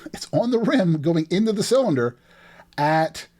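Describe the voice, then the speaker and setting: A middle-aged man narrates game footage like a sports commentator, his pitch leaping and dropping as he drives home each moment. He talks in emphatic bursts, repeating key phrases and restarting as he builds the case. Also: measured pace. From New Jersey. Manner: animated play-by-play, emphatic restarts. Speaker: host breaking down game footage.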